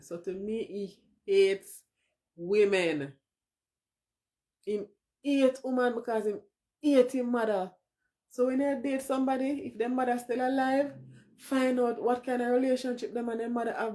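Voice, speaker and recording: A woman's voice: medium pitch, warm tone. A woman in her forties with a Jamaican accent, hosting a casual livestream, talking openly and emotionally and slipping into patois as she answers viewers. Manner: emotional, switches into patois, talks to viewers in chat. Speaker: livestream host.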